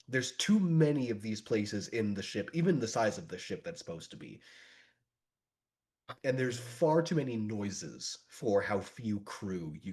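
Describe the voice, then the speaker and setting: A man's voice: on the low side, darkish tone. A man narrating a tabletop game as game master, describing scenes with frequent fillers and restarts.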